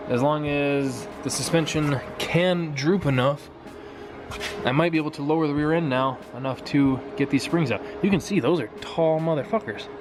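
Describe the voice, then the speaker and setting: A man in his thirties with a somewhat high voice talks like a frat bro, casual and slangy with loose swearing. He is vlogging in a garage on a handheld camera, with clear music behind him. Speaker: host of a car project vlog. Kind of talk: casual garage vlog talk. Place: garage workshop, indoors. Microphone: handheld camera at arm's length.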